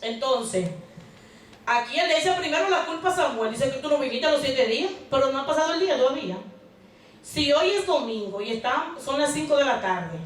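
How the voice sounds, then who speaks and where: A woman's voice: sits high, animated, fairly quick, a little hiss or hum. A woman preaching a sermon in a church, talking conversationally and putting questions to the congregation. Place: church hall. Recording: very echoey hall, mic far off.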